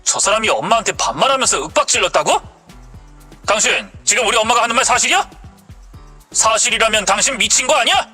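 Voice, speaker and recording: A woman's voice: a little high, animated, fast, pushed and bright, husky, faint music behind, heavily acted. A woman reading the part of an indignant husband who defends his mother and accuses his wife.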